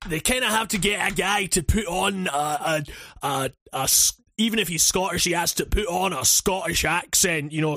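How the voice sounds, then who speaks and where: Young man, high voice, dry close sound, rambling, swears a lot, casual podcast chat. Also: no echo. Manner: rambling, profane, animated. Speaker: podcast co-host.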